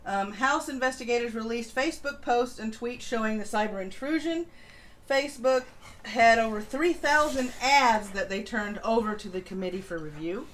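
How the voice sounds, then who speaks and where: Speaking at normal speed in a voice on the high side, this livestream host goes over political news with loose, opinionated remarks and the occasional casual swear. Background noise is clearly audible in the recording.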